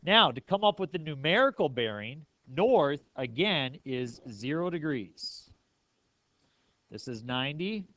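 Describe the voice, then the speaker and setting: Walking a class through math one step at a time, a man keeps pausing to check understanding with questions. His higher voice has a sing-song lilt, a slightly slow pace, and a bit of brightness, though the highs are cut off.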